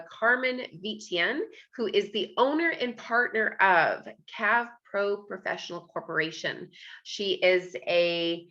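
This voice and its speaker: A woman's voice: medium pitch, pushed and bright, muffled recording. A woman hosting an interview podcast, chatty and encouraging, with many fillers. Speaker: podcast host.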